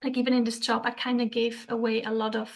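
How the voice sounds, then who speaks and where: Young woman, podcast guest, higher-pitched voice, soft and hesitant. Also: level tone, fast, slight background noise. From Switzerland. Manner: soft-spoken, hesitant, laughs often. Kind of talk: casual interview chat.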